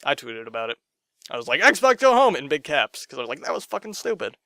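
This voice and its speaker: A young man ranting to camera in his room, sarcastic and profane, jumping from loud outbursts to muttered asides. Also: medium pitch, expressive, fast talker, gravelly, no echo, clean studio sound. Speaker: gaming vlogger.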